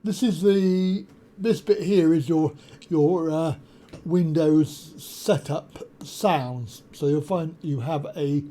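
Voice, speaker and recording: Recorded on a desk USB microphone with a faint hiss underneath, a presenter talks through a piece of software on screen. He's slow and deliberate, with frequent ums and uhs as he explains. His voice is deep and mellow, if a touch higher than most men's.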